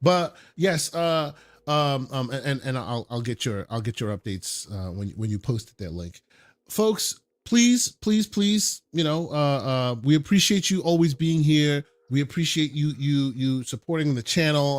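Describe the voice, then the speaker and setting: A man hosting a casual podcast, speaking haltingly and often repeating words several times as he goes. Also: mid-range voice, lively intonation, no room sound. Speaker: podcast host. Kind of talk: casual podcast sign-off chat.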